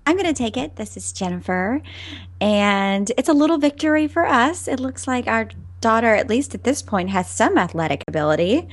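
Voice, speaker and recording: Woman, young adult co-host, gravelly edge, giggly and rambling. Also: on the high side, expressive, normal speed. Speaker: podcast co-host. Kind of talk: casual chat.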